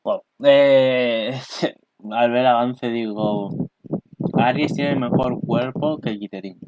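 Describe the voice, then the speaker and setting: A man comments casually on an anime preview, full of exclamations and swearing. His voice sits at a middling height. Steady background noise runs under his home recording. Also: medium pitch, takes it slowly. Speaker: anime reaction youtuber.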